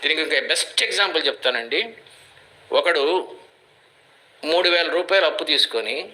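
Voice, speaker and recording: Older man preaching with bright tone. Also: a little high, expressive, moderate pace, rough recording. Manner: preachy, teaching through parables. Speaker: guest speaker, life coach. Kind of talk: motivational interview talk.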